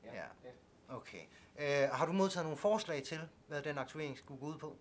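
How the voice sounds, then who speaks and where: A man's voice: on the high side, animated. An actor playing an awkward caseworker who hesitates and fills his speech with filler sounds. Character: awkward, fumbling male caseworker. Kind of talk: student film acting.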